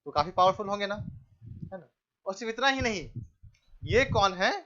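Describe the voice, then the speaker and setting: A male teacher giving a classroom lecture, asking the class questions, answering them himself, repeating key names and telling the students to keep quiet. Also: high-pitched, lively intonation, moderate pace, lo-fi sound. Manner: tells the class to keep quiet and pay attention.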